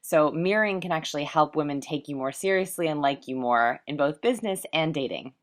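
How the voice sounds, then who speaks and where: A woman with a low-pitched voice teaches a life coaching course. She talks quickly in a recorded lecture style. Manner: fast-talking.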